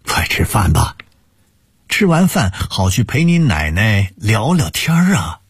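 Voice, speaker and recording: A man voicing a gentle, teasing middle-aged mother, coaxing her family. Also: on the low side, very animated, measured pace, slightly rough, no echo, studio quality, pitched above the performer's own voice, exaggerated voice. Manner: warm homely coaxing.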